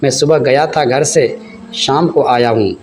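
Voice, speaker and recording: A man's voice: medium pitch, a little slow, darkish tone, a little hiss or hum, lightly acted. Guy reading out an angry old father-in-law, berating, tripping on his words. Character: harsh scolding older father-in-law.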